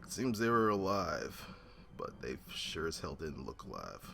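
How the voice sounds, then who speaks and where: A man recapping a tabletop game session in a weary, halting, gravelly way. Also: extremely low pitch, wildly swooping pitch, sharp tone. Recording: music under the voice. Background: music.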